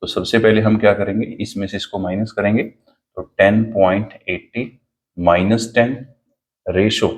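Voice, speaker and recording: A man teaching an exam-prep math lesson, explaining each step slowly and dictating a word problem. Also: on the low side.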